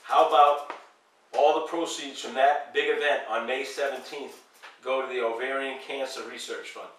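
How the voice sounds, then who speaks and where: A man hosting a local radio talk show, speaking haltingly with many fillers. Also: mid-range voice, fairly even intonation. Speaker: radio host. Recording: echoey room from far off, faint noise.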